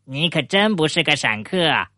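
Brief: dad playing a cheeky young beaver for a bedtime story, raised lively voice, dry sound. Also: male voice, a little high, moderate pace, dry recording. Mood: teasing. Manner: bouncy, teasing. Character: teasing young beaver kid.

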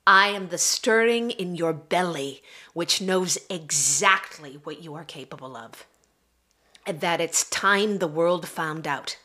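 A woman podcast guest reading a spoken-word invocation in a solemn, measured way. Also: mid-range voice, fairly bright tone.

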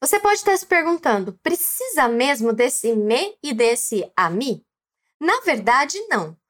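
A woman's voice: high-pitched, sing-song, measured pace, a bit bright. A woman with a Brazilian Portuguese accent hosting a language lesson podcast, encouraging the listener to repeat after her. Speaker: Spanish teacher and podcast host.

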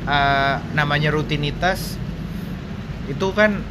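A man's voice: on the high side, takes it slowly, background noise. A man with a Jakarta accent hosting a podcast in casual, joking Jakarta slang, dropping in English words. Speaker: podcast host.

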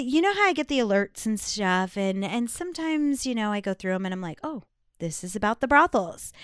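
A woman's voice: on the high side, a bit bright, smooth, dry recording, clean studio sound. A woman hosting a podcast in casual, blunt chat, swearing freely and laughing often. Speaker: podcast host.

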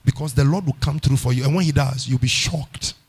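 A middle-aged man with a Ghanaian English accent preaching a sermon, repeating phrases and swinging from hushed to loud. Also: medium pitch, fairly quick, breathy edge. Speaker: pastor.

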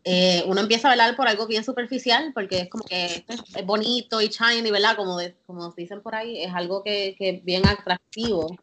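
A woman's voice: mid-range voice, a little fast, hardly any pauses, a bit bright, slight background noise. A woman interviewing a guest in a casual chat, mixing in English words. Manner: friendly, mixes in English words.

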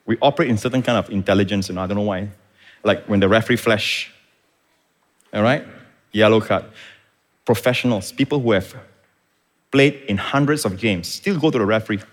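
A man's voice: lowish voice, fairly quick, long pauses. Impassioned man preaching. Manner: impassioned, rising to shouts; teaching, explains Greek words. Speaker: pastor. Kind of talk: sermon.

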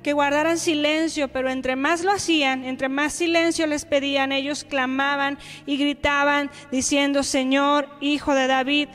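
Woman preacher, high voice, earnest and emphatic, long hall reverb, soft music underneath. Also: steady tone, normal speed, few pauses. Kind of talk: sermon with Bible reading and prayer.

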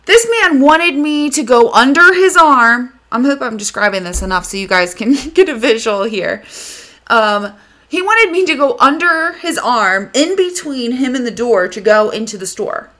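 A woman tells a story on her podcast, animated and indignant and cursing freely. Her voice sits a little high and rings bright and forceful. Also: normal speed. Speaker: podcast host. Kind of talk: casual storytelling monologue.

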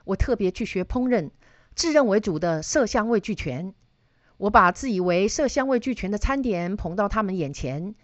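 A woman's voice: medium pitch, no echo, lo-fi sound. A middle-aged woman teaching data analysis, explaining ideas through personal stories and putting questions to her listeners. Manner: storytelling, asks listeners questions.

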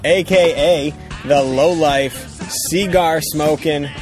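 A man's voice: fairly high pitch, takes it slowly. A man co-hosting a casual podcast outdoors, with profane, informal, upbeat banter and sponsor plugs. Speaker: podcast co-host. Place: outdoors on a ranch. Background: music.

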